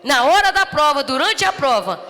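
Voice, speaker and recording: A woman pastor with a Brazilian Portuguese accent giving an animated testimony sermon that builds to fervent shouts. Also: high-pitched, normal speed. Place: church service. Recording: reverberant church hall with soft music.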